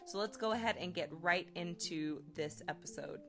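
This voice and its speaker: A woman's voice: lowish voice, normal speed, music in the background. Upbeat woman hosting a podcast. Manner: upbeat, persuasive, coaching tone. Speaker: podcast host, realtor. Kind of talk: conversational podcast monologue.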